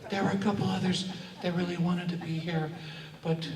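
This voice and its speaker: Halting man addressing a hall crowd. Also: high-pitched, little pitch movement. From Oakland, California. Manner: halting, frequent pauses and fillers. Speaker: speaker acknowledging guests at a gathering. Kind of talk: informal public address to an audience. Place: large hall with an audience. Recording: echoey hall, distant voice, clear room noise.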